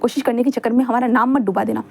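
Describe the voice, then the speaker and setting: A woman's voice: fairly high pitch, steady tone, racing, gravelly, darkish tone. Woman reading a stern, lecturing father. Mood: scolding. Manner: scolding, lecturing. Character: stern middle-aged father.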